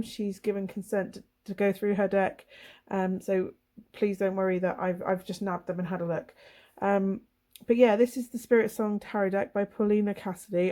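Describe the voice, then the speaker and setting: Hoarse from laryngitis, a woman with a husky, throaty, medium-pitched voice and dark tone flips through tarot cards for her channel. She talks casually, apologizing along the way.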